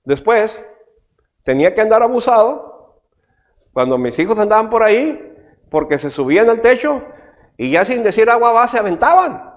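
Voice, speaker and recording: Man, middle-aged, pastor giving a sermon; lively, swinging delivery. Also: high-pitched, normal speed, pauses often. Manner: animated preaching, with frequent rhetorical questions.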